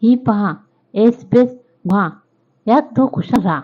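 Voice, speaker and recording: A woman voicing a kindly old male mountain in a children's story, in a warm, fatherly manner. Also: fairly high pitch, takes it slowly. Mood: welcoming. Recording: tinny phone-like audio.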